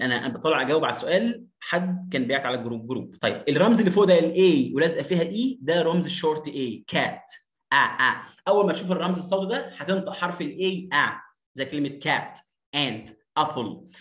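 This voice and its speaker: Egyptian man teaching, echoey room. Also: fairly high pitch. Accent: Egyptian Arabic. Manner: repeats and demonstrates sounds, checks in with listeners. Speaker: English teacher training teachers. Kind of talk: phonetics lesson.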